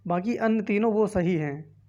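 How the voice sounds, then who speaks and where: An exam-prep teacher with a north Indian Hindi accent goes through a quiz, reading each multiple-choice option aloud and explaining the answers. Her voice is mid-range and darkish, at a moderate pace, and the sound is lo-fi.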